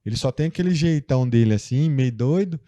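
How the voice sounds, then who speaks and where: A man's voice: mid-range voice, lively intonation, fairly quick, warm tone, no echo. A young Brazilian man, a guest in a casual interview, telling a personal story in a loose, chatty way full of fillers. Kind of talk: casual conversation.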